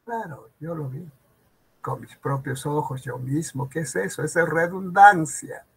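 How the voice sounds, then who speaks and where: A male teacher with a husky, gravelly voice pitched a little high. He talks slowly, stretching out example words and throwing rhetorical questions at his class during a grammar lecture. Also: a bit bright. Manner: slow, drawn-out emphasis on example words, rhetorical questions to students.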